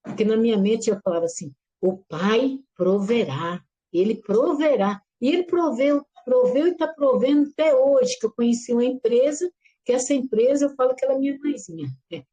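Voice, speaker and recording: A middle-aged woman giving a lively personal religious testimony, acting out the voices in her story and calling her listeners brothers and sisters. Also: high-pitched, fast, highs cut off. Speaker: church member giving testimony.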